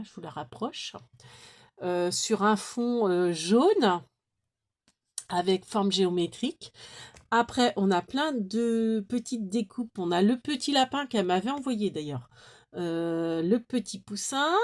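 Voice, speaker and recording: A woman's voice: medium pitch, a little mellow. A woman vlogging as she opens crafting mail, chatting casually to viewers, gushing over each little item and thinking aloud. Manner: gushing, exclaims over small things.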